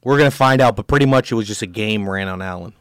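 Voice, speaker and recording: A man's voice: fairly low pitch, fast talker, clear, resonant tone, dry recording, studio quality. Crude joking male podcast host. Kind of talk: reading a true-crime story and casual chat.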